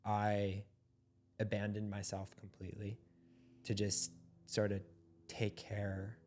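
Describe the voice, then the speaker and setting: An earnest young man co-hosting a candid podcast conversation. His voice sits low and stays fairly level in pitch. He speaks reflectively and searches for his words. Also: completely flat delivery, slow pace, a little mellow. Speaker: podcast co-host.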